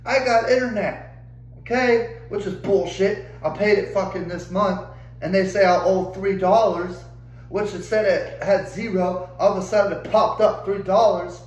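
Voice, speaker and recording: A man's voice: high-pitched, steady tone, normal speed, darkish tone, reverberant, low-quality recording. A young adult man ranting angrily and profanely to camera, exasperated and swearing constantly. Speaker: vlogger. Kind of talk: angry rant to camera.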